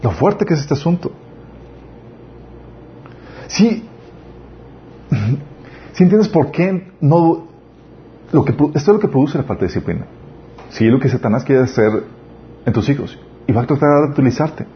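A man's voice: mid-range voice, unhurried, long pauses. Guy preaching, earnest, lots of questions, kinda dull lo-fi sound w faint hiss. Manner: earnest, rhetorical questions, animated emphasis. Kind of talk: sermon on parenting. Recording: slightly dull lo-fi recording with faint noise.

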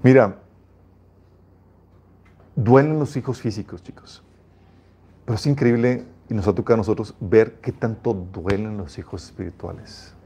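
Warm-voiced pastor preaching earnestly. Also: male voice, fairly low pitch, normal speed, pauses often, breathy edge. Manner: earnest, emphatic preaching with repeated restarts. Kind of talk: sermon with scripture reading.

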